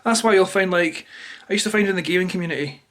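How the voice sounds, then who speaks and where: A Scottish man talks straight to camera in a notably high voice for a male speaker. He rambles through an unplanned, opinionated rant, sounding irritated and swearing freely as he goes. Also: quick pace, a bit bright. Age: adult, parent of a toddler. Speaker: YouTuber. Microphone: camera held or placed close to him.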